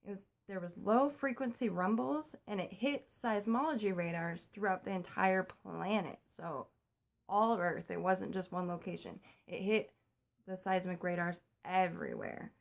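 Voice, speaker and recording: With a lowish, creaky voice, a young American vlogger chats fast in a casual home vlog. She records on her phone at night, keeping her voice down as she talks.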